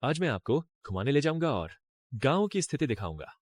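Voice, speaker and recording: Cast a deferential but deceitful village graduate, animated delivery. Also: male voice, medium pitch, a little fast, no room sound, studio quality. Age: young adult. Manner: eager, deferential, smooth-talking. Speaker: dubbing actor. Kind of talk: Hindi drama dub.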